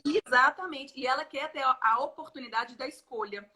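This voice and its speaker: A woman's voice: high-pitched, normal speed. A woman in casual conversation, explaining child feeding to parents and acting out what children and parents say. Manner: expressive, acts out the child's and parents' words.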